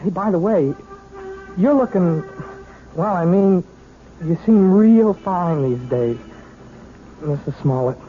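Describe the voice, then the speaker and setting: Radio play youth: high voice, awkward, hesitant, polite, on a tinny old broadcast recording. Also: male voice, lively intonation, slow pace, long pauses, slight background noise. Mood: awkward, bashful. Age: young adult. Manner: hesitant, bashful. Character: awkward, polite young neighbourhood man with new car. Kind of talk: 1970s radio drama acting.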